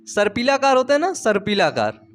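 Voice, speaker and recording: A man's voice: high-pitched, sing-song, normal speed. A man teaching biology in a playful storytelling way, asking his students questions and repeating the key terms. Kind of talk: storytelling classroom lecture.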